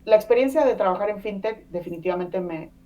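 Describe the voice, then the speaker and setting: This is a casual conversational interview with a podcast guest, a Mexican woman in her thirties whose native tongue is Spanish, chatting freely with lots of fillers and tag questions. She speaks fast with a medium, warm voice and lively intonation, and the audio is dull, picked up by a distant mic.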